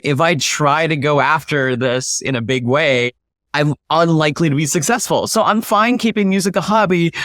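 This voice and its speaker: This startup founder, speaking as an interview guest, has a slightly high and somewhat bright voice, captured dry and clean in a studio. His explanations come across as emphatic and chatty, peppered with rhetorical questions.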